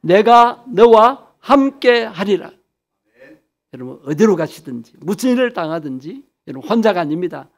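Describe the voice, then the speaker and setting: A man's voice: sits high, a little mellow. A man pastor preaching a sermon, asking the congregation questions and answering them himself, stretching key phrases for emphasis.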